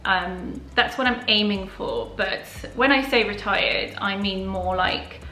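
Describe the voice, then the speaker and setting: A young Polish woman, whose first language is Polish, answers viewer questions in a casual, open vlog from her living room; she's a personal finance YouTuber. Her mid-range voice is slow and sharp in tone. The rough recording is reverberant, with faint music behind her.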